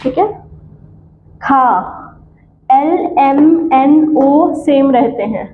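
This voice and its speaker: Woman teacher, high voice, very slow repetitive drilling, phone-thin echoey classroom sound. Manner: drills letters slowly, repeating each sound. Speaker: language teacher. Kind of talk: classroom lesson. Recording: tinny, echoey room with faint hum.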